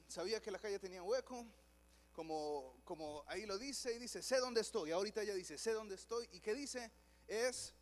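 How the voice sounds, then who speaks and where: A man preaching a lively sermon in a church, acting out the voices of people in his stories. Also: sits high. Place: church hall.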